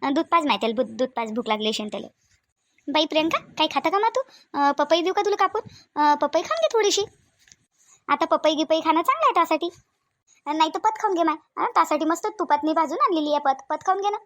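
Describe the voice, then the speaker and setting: A woman's voice: sits high, lively intonation, fast, a bit bright, dry recording. A woman voicing a kind, talkative older village woman with a Varhadi Marathi accent, coaxing and repeating herself in a cartoon. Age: middle-aged. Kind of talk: cartoon voice acting.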